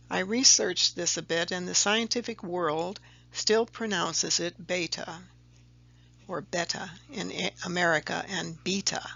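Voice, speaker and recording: Explaining a letter-number table in a video, the presenter narrates each slide step by step and occasionally corrects themselves. Expect a medium pitch, vocal fry, and a bright, forceful tone, with the high frequencies cut off.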